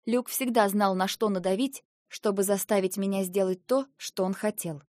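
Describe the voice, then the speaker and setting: Woman reading a fantasy story aloud, middle pitch, steady, dry close sound. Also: normal speed, dry recording. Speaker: audiobook narrator. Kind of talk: first-person scripted narration.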